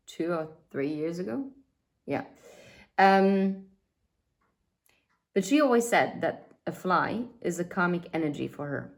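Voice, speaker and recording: Chatty low-voiced woman reading tarot. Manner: chatty and rambling, full of fillers and asides. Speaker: tarot reader. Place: indoor room by a window.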